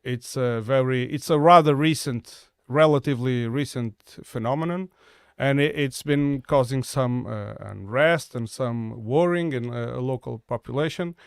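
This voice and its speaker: A man's voice: mid-range voice, normal speed, creaky, clear, resonant tone, no room sound, studio quality. Hesitant man hosting a podcast. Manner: hesitant, many uh fillers and restarts. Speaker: podcast host. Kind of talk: casual interview talk.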